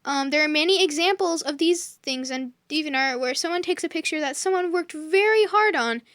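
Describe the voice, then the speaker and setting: Chatty high-voiced young woman. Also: brisk, fairly bright tone, no room sound. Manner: chatty, filler-heavy, stumbles over words. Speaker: co-host. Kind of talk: casual chat reading a list.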